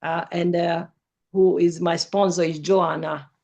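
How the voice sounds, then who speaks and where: A woman speaks careful, simple English as an interview guest. Her voice has a gravelly, creaky texture. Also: fairly low pitch, level tone, a little slow, a little mellow. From former Yugoslavia. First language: Hungarian. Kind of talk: personal testimony in an interview.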